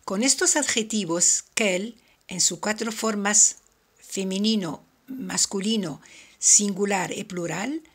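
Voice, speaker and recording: A woman teaching a French lesson, explaining step by step and repeating each example slowly. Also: mid-range voice, a bit bright. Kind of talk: slow, careful language lesson.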